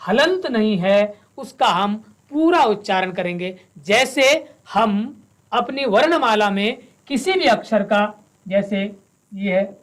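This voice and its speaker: A woman teaching a Sanskrit lesson, reciting verses slowly and spelling out each syllable. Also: mid-range voice. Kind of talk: classroom lesson with slow recitation.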